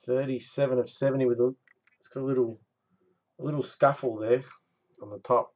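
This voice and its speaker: A man's voice: mid-range voice, steady tone, fairly quick, a little mellow, lo-fi sound. A man in his thirties hosting a live card break, calling out numbers and winners with catchphrases like a bingo caller. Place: small indoor room stacked with boxes.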